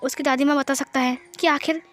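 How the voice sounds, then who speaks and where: A woman's voice: high voice, fairly even intonation, a little fast, fairly bright tone, faint music behind. A woman voicing a cold, reserved young man who speaks in curt refusals.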